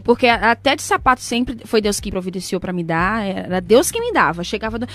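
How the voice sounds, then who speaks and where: A woman telling a personal story in a casual chat, animated and emotional, acting out quoted prayers and voices. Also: medium pitch, a little fast, faint music behind. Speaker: guest.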